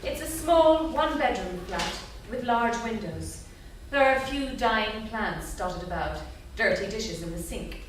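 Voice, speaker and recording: Narrating a staged reading in front of a theatre audience, a woman reads the scripted stage directions in an expressive, fairly high voice. Her pace is measured with hardly any pauses, and the sound is distant, echoey and faintly noisy.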